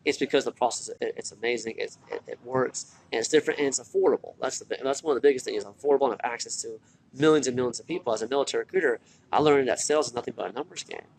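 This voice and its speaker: A man's voice: medium pitch, racing, creaky, a little mellow, low-quality recording. A tired man talking casually and earnestly in a motivational vlog, repeating himself for emphasis, recorded in a hospital corridor. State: tired from little sleep. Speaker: online marketer and former military recruiter. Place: hospital, such as a corridor or waiting area. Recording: background noise in a hospital. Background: faint hospital ambience.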